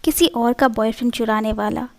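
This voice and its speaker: A woman's voice: fairly high pitch, steady tone, a little fast, natural voice. A woman voicing a scheming young man who taunts his rival in a storybook reading. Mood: taunting. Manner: taunting, falsely innocent.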